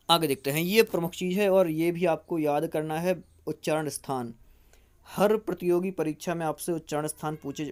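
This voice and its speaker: A teacher giving an exam-prep grammar lecture, asking and answering their own questions and repeating each rule slowly so students can memorize it. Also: mid-range voice, a little mellow.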